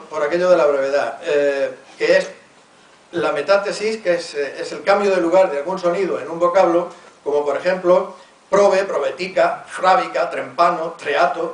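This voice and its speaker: A man with a Murcian accent giving a conference lecture, reading word lists aloud and stopping to enunciate each example. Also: high-pitched. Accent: Murcian Spanish. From Murcia region, Spain. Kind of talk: academic conference talk. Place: university lecture hall. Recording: echoey hall, voice from far off.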